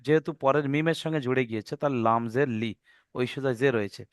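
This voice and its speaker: Male reading teacher, online class; patient, spells everything out, stretches recited words. Smooth, clear voice, dry sound. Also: medium pitch, no room sound. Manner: patient, spells out letters and vowel marks step by step; draws out recited words slowly.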